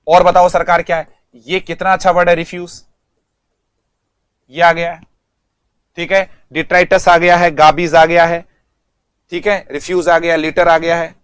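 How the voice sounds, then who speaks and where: A man's voice: a little high, fairly bright tone, smooth, no room sound, studio quality. A male English teacher giving an online vocabulary lesson, speaking, repeating words and quizzing students.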